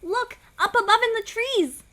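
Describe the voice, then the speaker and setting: A woman's voice: extremely high pitch, moderate pace, sharp tone, a little hiss or hum. A woman voicing a brave, kind young bunny girl who talks earnestly and caringly.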